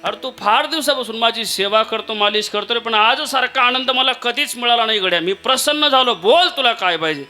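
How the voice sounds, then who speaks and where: A man voicing a middle-aged king in a sermon story, speaking loudly and commandingly at a raised pitch. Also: brisk, hardly any pauses, faint music behind, heavily acted.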